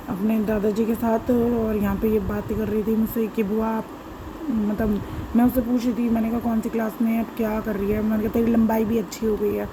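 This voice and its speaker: A woman vlogger with a hoarse, sore throat, chattily narrating her home footage and often correcting herself as she rambles. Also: fairly high pitch, noisy background.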